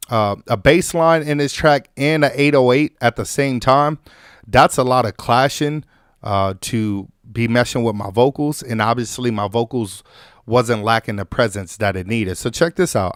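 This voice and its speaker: Hoarse-edged man with a very dry sound. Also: medium pitch, a little slow, no echo. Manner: loose, conversational, many fillers and restarts. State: recovering from illness, slightly hoarse. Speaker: music production tutorial host. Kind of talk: casual on-screen tutorial.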